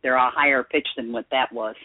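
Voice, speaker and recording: A man's voice: medium pitch, steady tone, a little fast, no room sound. Florida guy calling in on speakerphone, tinny phone sound, laid-back rambly talk. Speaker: caller on a talk show. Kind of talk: casual chat, weather report.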